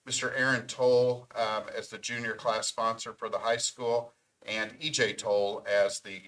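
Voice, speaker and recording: A man's voice: fairly low pitch, little pitch movement, measured pace, a bit bright, low-quality recording. Breathless man chairing a board meeting. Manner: reads names from a list with frequent ums. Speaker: school board president.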